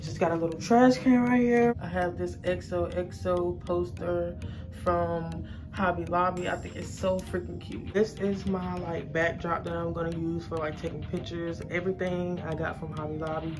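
A woman's voice: on the low side, flat delivery, moderate pace. A young woman who owns a salon suite, casually walking viewers through her small indoor space on a handheld phone and chatting to them as y'all. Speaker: salon suite owner and braider. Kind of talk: casual walkthrough tour. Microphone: handheld phone camera. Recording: music playing behind the voice.

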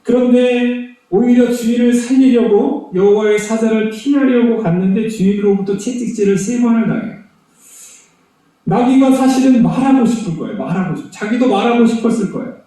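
High-voiced pastor in an echoey church. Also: male voice, moderate pace, recorded from a distance. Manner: animated storyteller, emphatic repetition. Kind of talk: children's Sunday sermon, storytelling. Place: church sanctuary.

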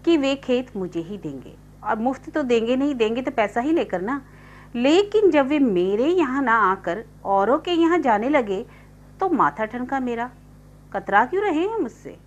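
A woman reading a literary short story aloud as audiobook narration, in steady first-person storytelling. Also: on the high side. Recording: dull lo-fi recording.

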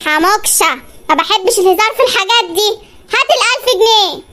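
Voice actor doing a very high, rapid Egyptian cartoon wife, bossy and scatterbrained. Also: lively intonation, sharp tone, heavily acted. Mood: scolding. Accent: Egyptian Arabic. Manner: scolding, fast, exclaiming. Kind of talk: comedy cartoon voice acting.

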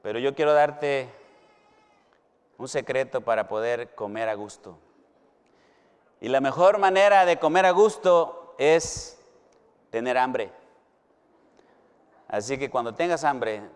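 A middle-aged man with a Mexican Spanish accent preaching a sermon as a pastor, slow and emphatic, with dramatic pauses and big swings from loud to hushed. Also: medium pitch, lively intonation, clean tone. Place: university hall or chapel. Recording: long hall reverb.

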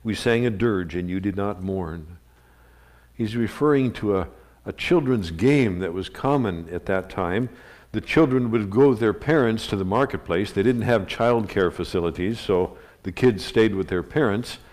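A man with a fairly low voice preaches in a church service. He retells scripture like a story, chatty and unhurried, slipping in asides and quiet chuckles. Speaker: pastor. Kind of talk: sermon. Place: church sanctuary. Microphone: livestream recording of a live service.

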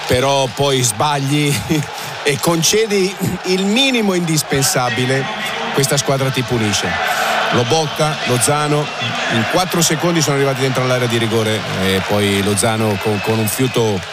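A man giving unscripted live football analysis as a co-commentator, haltingly and repeating words for emphasis. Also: medium pitch, a loud crowd. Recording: loud stadium noise behind the voice.

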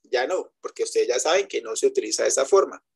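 Male English teacher, web lecture, husky tone, patient step-by-step explainer, switches between Spanish and English examples. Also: mid-range voice, animated, fast talker. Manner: explains step by step, keeps checking with students. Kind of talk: online class lecture. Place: web conference.

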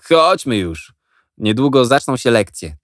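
A man's voice: mid-range voice, very animated, takes it slowly, no room sound, studio quality, voice pushed up. A man voicing a practical schoolboy who talks impatiently and matter-of-factly.

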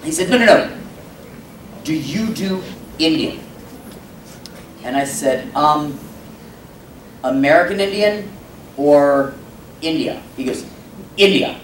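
On a convention panel, a male voice actor tells comedic stories and acts out the dialogue before an audience. His voice is on the high side with lively intonation, a slow pace and long pauses, picked up by a table microphone and a far camera in a roomy hall with a noisy crowd.

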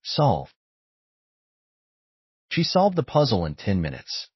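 A man reads vocabulary words and sample sentences at a very slow, deliberate pace. His voice is low and husky, yet his pitch moves in a lively way. The recording is dry and a little dull, lacking high end. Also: dry recording. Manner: measured, deliberate enunciation. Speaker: vocabulary reader. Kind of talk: slow scripted word-and-sentence reading.

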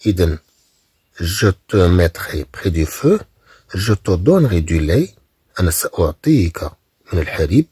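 A man from Morocco, teaching French, reading phrases very slowly and then explaining them quickly. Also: low-pitched, dark tone, slightly rough, dry recording, clean studio sound.

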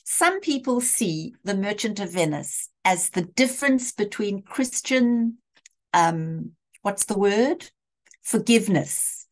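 Slow-spoken woman lecturing on a video call. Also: mid-range voice, expressive. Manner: slow, deliberate, acts out quoted lines. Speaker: literature lecturer. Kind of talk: lecture with dramatic readings of Shakespeare.

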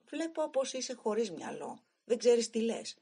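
A woman's voice: low voice, expressive, gravelly, breathy edge, full character voice. A woman voicing an old retired male train engineer who tells his story in a grave, plain-spoken way. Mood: angry.

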